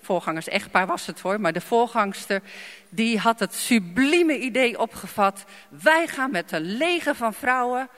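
A woman's voice: on the high side, expressive, a little slow, fairly bright tone. A woman preaching a sermon and telling her own testimony, emphatic, repeating phrases and asking the audience to respond. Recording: long hall reverb.

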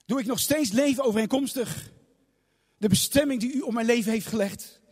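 A man's voice: very high-pitched, brisk, a little mellow, breathy edge. A man preaching a sermon with passion, repeating phrases for emphasis. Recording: long reverb of a large hall.

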